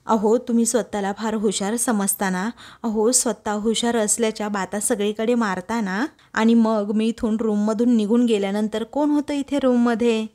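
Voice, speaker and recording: A woman voicing a sharp-tongued young wife who argues back with sarcasm, in a retold TV serial scene. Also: fairly high pitch, fairly even intonation, normal speed, close to an everyday voice. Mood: sarcastic. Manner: retorting, sarcastic.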